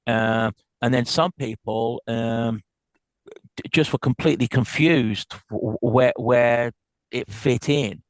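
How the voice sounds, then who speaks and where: Man, South African accent, guest business speaker, quick upbeat delivery, frequent restarts, middle pitch, dry close sound. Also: no room sound, low-quality recording. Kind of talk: business lecture and Q&A.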